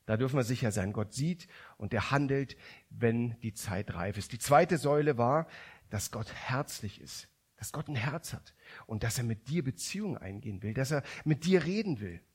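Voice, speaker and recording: Husky-voiced male preacher. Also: mid-range voice, expressive, normal speed, darkish tone. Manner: conversational storytelling, many restarts. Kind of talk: sermon.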